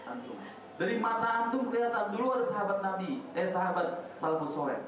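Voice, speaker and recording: A man's voice: high-pitched, animated, fast talker. A man giving a casual religious talk in a prayer room, joking and asking his audience questions. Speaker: preacher. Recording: echoey room from a distant mic.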